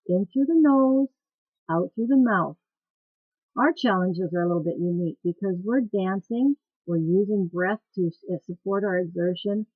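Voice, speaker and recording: A woman instructor explains voice care in a plain, practical way, her voice a little gravelly at the edges. The sound is dry and thin, like a phone line, picked up by a webcam mic. She talks straight to her class. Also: on the low side, no echo. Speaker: dance cueing instructor. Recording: tinny phone-like webcam recording.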